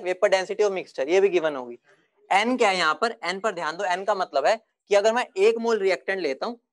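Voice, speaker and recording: A man teaching a chemistry class, casual and repetitive, often telling students to be quiet. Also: high-pitched. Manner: chatty, repeats himself, hushes the class. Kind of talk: classroom lecture.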